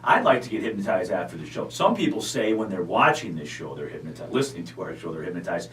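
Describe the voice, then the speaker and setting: A man's voice: low voice, sing-song, fast, fairly bright tone. A man hosting a rock radio show with casual live banter. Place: radio studio. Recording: echoey room, distant mic, faint hum.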